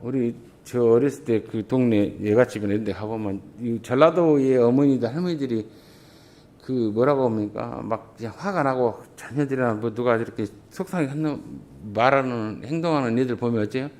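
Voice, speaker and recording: A man's voice: moderate pace, darkish tone. A middle-aged male pastor preaching a sermon in a church, emphatic and full of rhetorical questions. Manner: emphatic preaching with big swings in pitch and volume. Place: church sanctuary.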